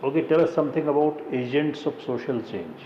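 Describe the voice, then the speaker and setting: A man's voice: mid-range voice, brisk. Probing male interviewer, echoey hall. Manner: brief, probing questions. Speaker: interview panelist. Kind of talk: formal questioning. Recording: echoey hall, dull sound, background noise.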